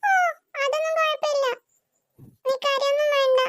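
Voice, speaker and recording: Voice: very high voice, level tone, moderate pace, a bit bright, a little hiss or hum. A performer doing a bossy cartoon big sister. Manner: bossy, scolding.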